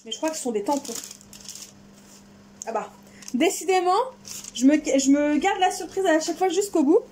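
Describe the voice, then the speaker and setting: High-voiced enthusiastic woman. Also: normal speed, dark tone, slight background noise. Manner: enthusiastic, chatty, exclaims often. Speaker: crafting vlogger. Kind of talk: casual unboxing chat.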